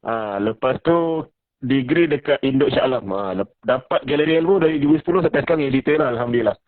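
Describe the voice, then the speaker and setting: A man in his thirties hosts a live-stream interview in a mid-range voice. He keeps the talk loose and chatty, dropping fillers and quick laughs. The sound is close and dry, with no room echo. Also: mid-range voice, narrow, tinny audio. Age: 30s. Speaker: host.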